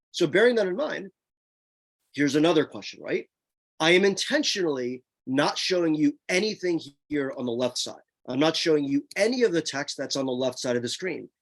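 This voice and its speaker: A man's voice: a little high, slightly rough. A man tutoring students through a screen-share lesson, emphatic and repeating his key points as he talks straight to them. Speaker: test prep tutor.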